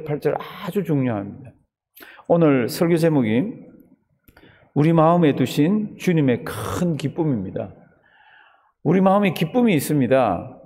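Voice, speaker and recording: A man's voice: a little high, mellow. A man preaching a dawn sermon as pastor, asking the congregation questions and answering them himself. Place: church sanctuary. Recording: long church hall reverb.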